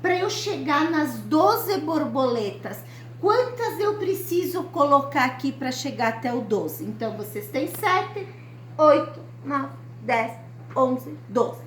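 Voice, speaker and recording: A woman teacher, giving a recorded lesson to young children and explaining each step slowly and patiently. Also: sits high, big pitch swings. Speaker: primary school teacher. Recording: echoey room, faint ambient noise.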